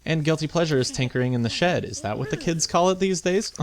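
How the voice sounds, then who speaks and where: A man's voice: on the high side, lively intonation, fast. A man giving casual, chatty video game commentary, thinking aloud with playful mock indignation as he hosts. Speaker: video game let's play host.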